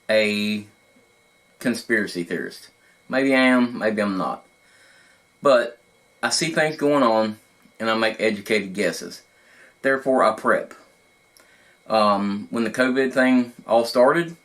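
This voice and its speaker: A man's voice: medium pitch, fairly bright tone. Man talking casually in an echoey room. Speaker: host of a prepping video channel. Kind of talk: casual talk to camera. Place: indoor studio not set up for recording. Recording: echoey untreated studio room.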